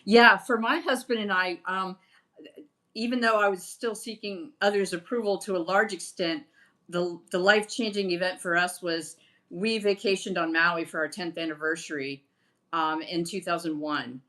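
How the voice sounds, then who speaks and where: A woman's voice: fairly low pitch, steady tone, normal speed, bright, forceful tone. A middle-aged woman, a former pastor, speaking candidly and frankly in a casual conversation. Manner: candid, frank, laughs easily. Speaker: guest.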